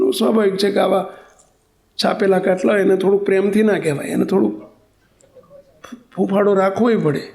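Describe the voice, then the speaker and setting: A man with a Gujarati accent delivers a sermon to an assembled congregation. His voice sits high and carries a gravelly rasp. He tells a story and keeps turning to his listeners with questions. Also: warm tone. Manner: storytelling, asks the audience questions. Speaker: guru giving a religious discourse.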